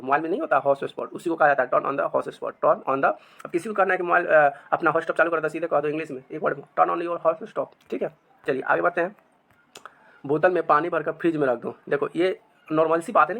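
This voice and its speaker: A man teaching spoken English. He says each sentence very slowly and repeats it. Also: on the high side, fairly bright tone, husky.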